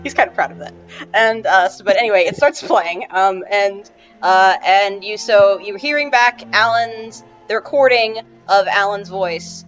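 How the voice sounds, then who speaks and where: Halting woman game master, lo-fi. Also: medium pitch. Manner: rambling, halting, many restarts and fillers. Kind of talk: narrating a tabletop game. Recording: dull lo-fi with faint music.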